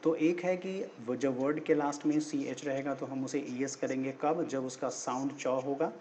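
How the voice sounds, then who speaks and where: A man's voice: mid-range voice, steady tone, normal speed, warm tone, slight background noise. A man teaching a spoken English lesson. He explains each rule step by step, sounds out spellings and words letter by letter, and often checks in with "right?" and "okay?".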